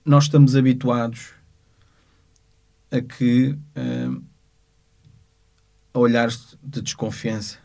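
A man with a European Portuguese accent speaks unscripted as a lawyer, recounting a court case. He talks in a measured, halting way as he searches for words, his medium-pitched voice gravelly and a little mellow.

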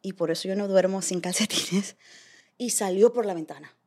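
A woman on a podcast panel telling a scary personal story in a casual, animated way, dropping in English phrases. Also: mid-range voice, moderate pace.

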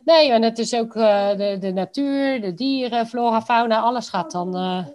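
A woman's voice: a little high, normal speed, a little mellow. Informal woman with a Rotterdam accent. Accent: Rotterdam Dutch. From Rotterdam, Netherlands. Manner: informal and colloquial. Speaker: interview guest. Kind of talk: casual conversational interview answers.

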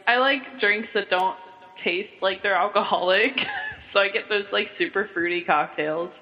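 A man's voice: high-pitched, normal speed, a little hiss or hum. A young man in his twenties from Kentucky, hosting a casual chat and laughing often between lines. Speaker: podcast host. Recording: muffled audio, long room reverb.

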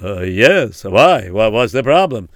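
A man's voice: lowish voice, very animated, a little slow, no echo, studio quality, pitched below the performer's own voice. A man voicing a worried, well-off man who gets flustered and stammers.

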